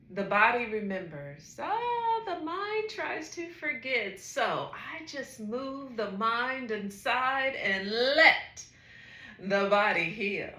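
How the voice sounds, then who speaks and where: A woman, a psychotherapist, performing a slow spoken-word monologue with soft, lilting exclamations. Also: sits high. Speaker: psychotherapist and wellness coach. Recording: echoey room.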